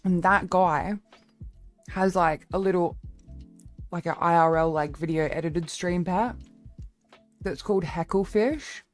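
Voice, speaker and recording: A woman's voice: lowish voice, measured pace, pauses often, faint music behind. A young woman streamer chatting casually with her viewers, rambling and swearing freely.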